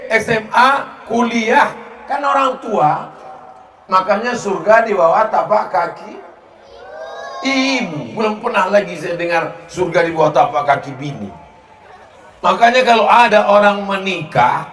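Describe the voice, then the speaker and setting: A man's voice: high-pitched, fairly bright tone. A man preaching in a humorous, emphatic way, putting rhetorical questions to his listeners. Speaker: preacher answering audience questions. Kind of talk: humorous sermon with question and answer. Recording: echoey hall with background noise.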